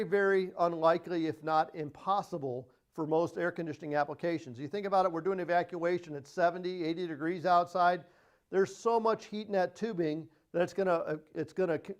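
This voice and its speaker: Male instructor, higher voice, plain-spoken lecture on equipment. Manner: plain-spoken, repeats key points. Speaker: HVAC trainer. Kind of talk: technical training presentation.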